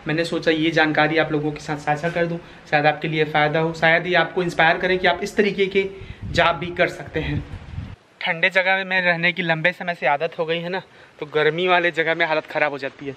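A man's voice: on the high side, level tone, fairly quick, pushed and bright. Earnest man vlogging in echoey room. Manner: earnest, explaining, repeats points. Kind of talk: casual vlog talk to camera. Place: bare house interior and outdoors. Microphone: handheld camera at arm's length. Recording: echoey empty room with faint noise.

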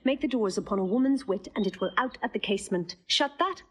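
A woman with a mid-range, animated voice and a breathy edge acts as Rosalind, a witty young woman in love in a stage drama. She is playful, quick-witted and teasing.

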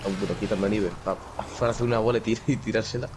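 Give me a young man co-hosting a podcast, easygoing and rambling, slightly low voice. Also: steady tone, very fast. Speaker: podcast co-host. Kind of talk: casual chat while gaming. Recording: noisy background.

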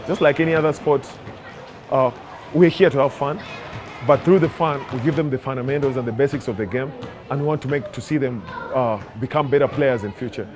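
A man's voice: medium pitch, fairly quick. Easygoing male coach, interview with music behind. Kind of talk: documentary interview.

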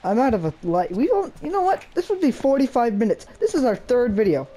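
A man's voice: extremely high pitch, sing-song, a little fast, warm tone, a little hiss or hum. A man playing a horror game with a friend, jumpy, easily startled and complaining in casual let's-play chat.

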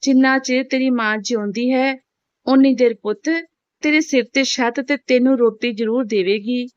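A woman voicing a widowed mother who gently comforts her daughter. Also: a little high, steady tone, moderate pace, no room sound, lightly acted. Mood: tender. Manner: soothing, tender. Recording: dull, dry home recording.

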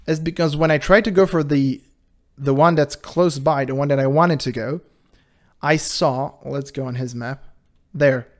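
A high-voiced man hosts his own channel and reacts to a video, offering casual commentary at a normal pace. He's animated and a bit defensive, and he laughs a lot.

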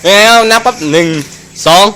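A man doing excited Muay Thai boxing commentary, full of exclamations and rapidly repeated phrases. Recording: noisy live event recording.

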